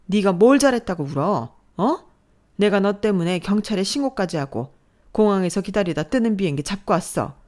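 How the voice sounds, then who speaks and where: A woman voicing a furious, domineering middle-aged mother who scolds loudly in a dramatized story. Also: medium pitch, big pitch swings, normal speed, pitched above the performer's own voice, lightly acted. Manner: shouting, scolding.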